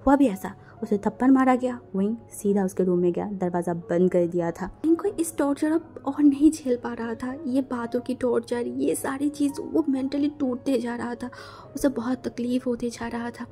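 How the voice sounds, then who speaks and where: A woman's voice: fairly high pitch, normal speed. A woman narrating a fan fiction story, acting out the quarrels with strong emotion. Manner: emotional, voices quarrels loudly.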